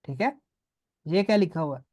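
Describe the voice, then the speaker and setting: A man's voice: a little high, expressive, moderate pace, a little mellow. A man teaching a beginners' online class, patiently drilling sounds and often checking that students follow. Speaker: language teacher.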